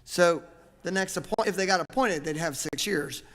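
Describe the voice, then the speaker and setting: At a public meeting in a large council chamber, a charter commission member earnestly lays out his reasoning at length. His voice sits high and is a bit bright, at normal speed, and the room sounds echoey.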